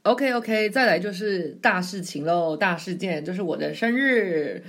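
Chatty young woman, lowish voice. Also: animated, unhurried, fairly bright tone. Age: 20s. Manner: chatty, rambling, self-mocking. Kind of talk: casual solo storytelling.

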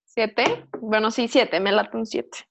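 A woman's voice: on the high side, flat delivery, takes it slowly, gravelly. A woman with a Mexican accent chatting casually and informally as a podcast guest, with plenty of slang, in a slightly lo-fi recording.

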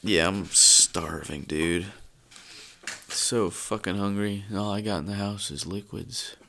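A young man co-hosting a podcast in a deep, gravelly voice. He is laid-back and joking, with lively pitch swings and a faint hiss under the recording. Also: unhurried. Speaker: podcast co-host. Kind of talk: casual chat.

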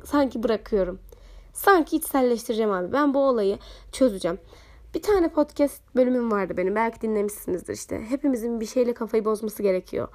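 Young woman, podcast host, hoarse voice, slightly high, chatty storytelling. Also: warm tone. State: hoarse, recovering. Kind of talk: casual solo podcast talk.

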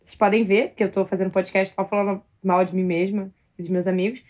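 A woman's voice: mid-range voice, little pitch movement, fast talker, a little mellow. A Brazilian woman co-hosting a casual podcast, telling stories in a bold, self-mocking way. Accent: Brazilian Portuguese. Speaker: podcast co-host.

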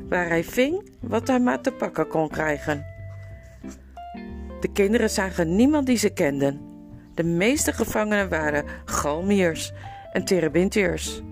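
A woman reading a children's story aloud in a calm, measured narration. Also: medium pitch. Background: faint guitar music.

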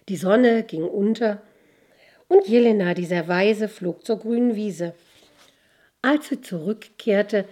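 Woman reading a fairy tale, dark husky voice. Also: medium pitch. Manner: expressive storytelling. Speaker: narrator.

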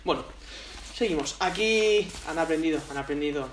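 A man's voice: on the high side, moderate pace, slight background noise, rough recording. A young man, co-hosting a podcast in casual, joking chat and swearing freely. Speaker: podcast co-host.

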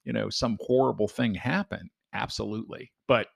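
A man's voice: on the low side, steady tone, normal speed, creaky. A middle-aged man co-hosting a podcast, talking bluntly and with profanity in casual chat and telling stories. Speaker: podcast co-host.

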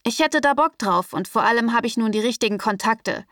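A woman voicing a calm, cocky young man who talks in an easygoing, smug, soothing way. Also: a little high, a little fast, no echo, clean studio sound, distant mic.

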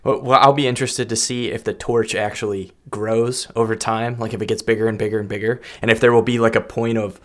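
A man's voice: fairly low pitch, brisk, few pauses. Easygoing male podcast host. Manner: relaxed, agreeable, asks questions. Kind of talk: casual podcast conversation.

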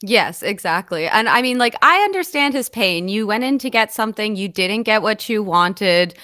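A young woman co-hosting a weekend radio show, telling stories in relaxed, casual banter and laughing often. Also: medium pitch, moderate pace, no room sound, clean studio sound. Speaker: radio co-host.

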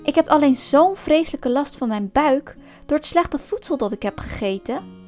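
A woman's voice: high-pitched, animated, moderate pace, a little mellow, faint music behind. A woman voicing a cunning male fox in a storybook, sweet-talking and mocking under a show of friendliness. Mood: sly.

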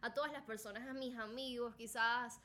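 A woman in a casual faith podcast chat, reading Bible verses slowly and reflecting on them with a teasing humor. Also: fairly high pitch, fairly even intonation, pushed and bright. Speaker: co-host.

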